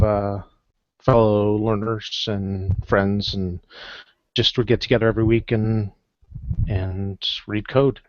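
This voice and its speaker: A man's voice: on the low side, dry recording. A man leading a casual book club discussion on a call, reading points aloud and then musing on them conversationally. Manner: conversational, thinks aloud, reads then comments. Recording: dull lo-fi call audio, dry.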